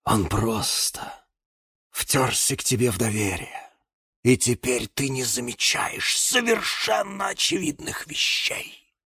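A man's voice: mid-range voice, big pitch swings, slow, gravelly, bright, forceful tone, slightly rough, no room sound, clean studio sound, pitched above the performer's own voice, exaggerated voice. Man doing a whispering, tragic hyacinth. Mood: conspiratorial. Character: dramatic, conspiratorial male hyacinth. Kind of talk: whispered role-play.

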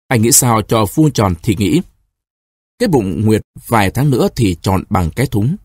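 A distraught young woman , voiced by a male reader, begs and reproaches her lover. Her tone is husky and raised, pleading with an edge of bitterness. The sound is dry and close, as in a storybook reading. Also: mid-range voice, darkish tone, no echo.

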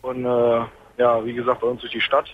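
A man in his twenties calls in from a truck cab on a hands-free speakerphone, telling his story calmly and haltingly. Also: medium pitch. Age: 20s. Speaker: caller. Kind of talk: late-night radio phone-in call. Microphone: car hands-free speakerphone. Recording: tinny phone line, faint road noise.

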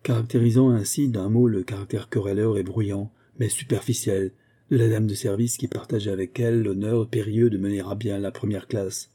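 A man reads a novel aloud in a measured, storytelling way. His voice is low and very dark, with a husky edge. He tells the story steadily. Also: steady tone. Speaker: audiobook narrator. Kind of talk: scripted narration of a novel.

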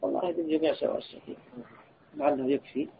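A man's voice: very high-pitched, very animated, rapid-fire, vocal fry. A man, an Islamic scholar, giving an earnest religious lesson and telling a personal story of admonition. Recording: tinny lo-fi phone-like recording, faint hiss.

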